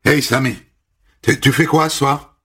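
A man's voice: mid-range voice, unhurried, bright, forceful tone, husky, faint music behind, voice pushed up. Man doing a stammering friendly neighbor. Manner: stammering, casual invitation. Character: friendly young male neighbor, hesitant.

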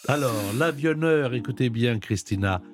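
Lively male radio quiz host. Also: mid-range voice. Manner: brisk, lively presenting. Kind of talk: radio quiz and interview hosting.

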